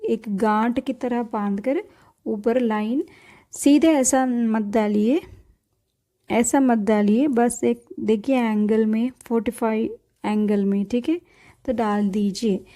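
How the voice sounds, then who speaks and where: Woman, patient teacher, repeats letters, high-ish mellow voice. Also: steady tone, slow. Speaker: language teacher. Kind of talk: step-by-step writing lesson.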